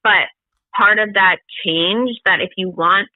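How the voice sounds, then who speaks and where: A woman's voice: medium pitch, takes it slowly, no echo. A woman from the United States, co-hosting a podcast and speaking in an earnest, emphatic way in casual discussion. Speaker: podcast co-host. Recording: thin phone-like line.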